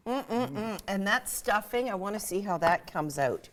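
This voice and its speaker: A woman's voice: mid-range voice, expressive, a little slow. A woman cooking expert, a guest on a TV cooking segment, who is chatty and enthusiastic and laughs easily. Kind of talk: studio cooking segment chat.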